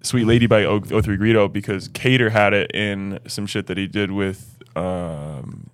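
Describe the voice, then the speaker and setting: A man's voice: fairly low pitch, fairly even intonation, moderate pace, no room sound. A young man chatting casually about music in slangy bro talk.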